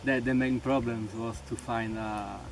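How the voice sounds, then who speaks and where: A young man from Sicily, an Italian speaker, answering questions about volunteering in a halting way with many restarts. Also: medium pitch, flat delivery, noisy background. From Sicily, Italy. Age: young adult. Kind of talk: interview answers. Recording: distant mic with loud music.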